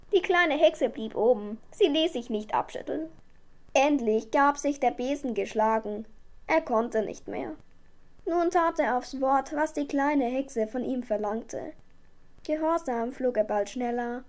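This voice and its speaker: A woman narrates a children's story with a calm, gentle bedtime manner. Her voice sits high and light, and she takes the sentences slowly, letting each one settle. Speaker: audiobook reader.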